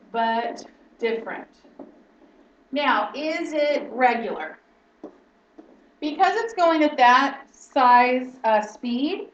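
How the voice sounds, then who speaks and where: Woman teacher explaining stuff in class, keeps asking okay?, dull lo-fi roomy recording. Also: high-pitched. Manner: explanatory, checks in with frequent "okay?". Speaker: instructor. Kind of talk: lecture-style teaching. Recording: roomy, distant, dull lo-fi sound.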